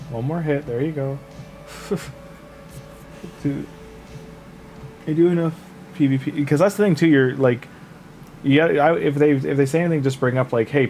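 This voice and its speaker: The recording is low quality: a man with a medium-pitched voice livestreaming a game late at night. He chats to viewers in a rambling way, handing out relaxed advice with lots of fillers, and sounds sniffly while shaking off a cold.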